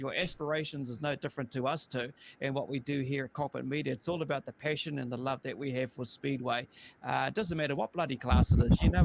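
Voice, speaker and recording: Higher-voiced man with broad Kiwi accent. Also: slight background noise. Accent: broad New Zealand. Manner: blokey, slangy, effusive. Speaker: show host. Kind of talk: casual motorsport chat.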